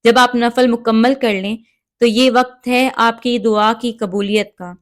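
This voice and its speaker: A woman giving calm, measured step-by-step prayer instruction and reciting Arabic prayers along the way. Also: on the high side. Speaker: religious instructor.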